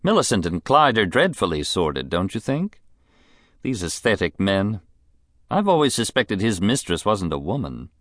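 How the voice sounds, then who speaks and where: A man reading a novel aloud, voicing a middle-aged rich woman with a clear voice and a bitter, mocking edge. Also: on the low side, big pitch swings, normal speed, fairly bright tone, no room sound, studio quality. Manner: languid, mocking, contemptuous. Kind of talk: audiobook character voice.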